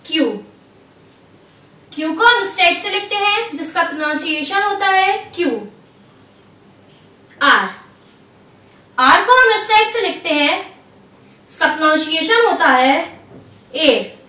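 A woman with a very high, bright voice teaches a step-by-step language lesson, slow and patient, repeating each letter. She sits a little back from the mic in an echoey room. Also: animated, far from the mic.

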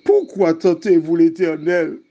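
A man's voice: fairly high pitch, a little slow, mellow, highs cut off. A man voicing a weary ancient prophet who pleads in exasperation. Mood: pleading.

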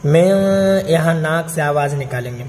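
A man teaching Quran recitation, chanting each verse slowly and then explaining pronunciation quickly, often checking with "theek hai?". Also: fairly high pitch, steady tone, darkish tone, big-room sound, a little hiss or hum.

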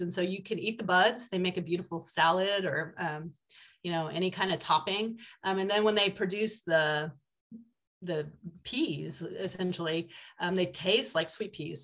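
An older woman gives a casual foraging talk over slides, speaking through a webcam on a video call from an indoor room. Her voice is lowish with a fairly bright tone, and she is chatty and enthusiastic, with lots of ums.

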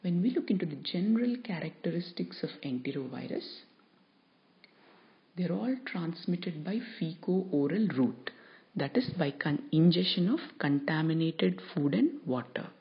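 A woman with a notably low voice gives a recorded lecture to students. She speaks in a measured, explanatory way and leans on key terms. The sound is dull and a bit lo-fi. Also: expressive.

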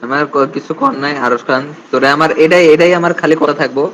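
A man's voice: fairly high pitch, fast talker, a bit bright, slight background noise, rough recording. A young man, speaking on a live stream in a stern, blunt, warning manner.

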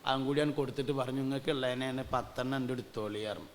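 A male preacher, giving a storytelling sermon and now and then slowing into chanted devotional verses. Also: mid-range voice, steady tone, big-room sound, a little hiss or hum. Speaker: Islamic preacher.

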